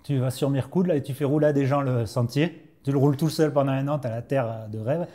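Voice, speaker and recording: A man of middle pitch chats freely as an interviewee. He tells stories in an easy, conversational flow, full of asides. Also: quick pace, dark tone. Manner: chatty, storytelling. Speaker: interviewee, teacher and trail builder. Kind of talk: casual interview.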